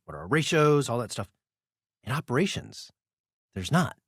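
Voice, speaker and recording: A man's voice: mid-range voice, very animated, normal speed, husky, no echo, studio quality. A man hosting a podcast in casual talk, blunt and emphatic, with frequent swearing. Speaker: podcast host, business owner. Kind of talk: casual conversation.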